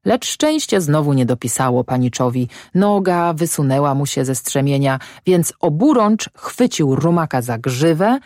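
A woman narrating a classic novel as an audiobook, with expressive storytelling. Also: low-pitched, moderate pace, hardly any pauses, no room sound, clean studio sound.

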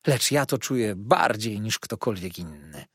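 Guy doing a weepy old widow, whiny and sobbing, husky, dry close sound. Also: fairly low pitch, sing-song, unhurried, fairly bright tone, no echo, heavily acted. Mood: plaintive. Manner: sobbing, plaintive complaining. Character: whiny self-pitying widow, older woman.

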